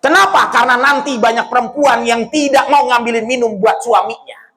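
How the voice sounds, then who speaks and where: A man preaching a lively sermon in a prayer room, loud and joking, often throwing questions at the audience. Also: very high voice, moderate pace, rough recording.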